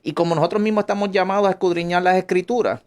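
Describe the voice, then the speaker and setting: A man's voice: sits high, fairly even intonation, rapid-fire, darkish tone. A Puerto Rican man, a pastor and lawyer, explaining on a radio interview with many halts and restarts.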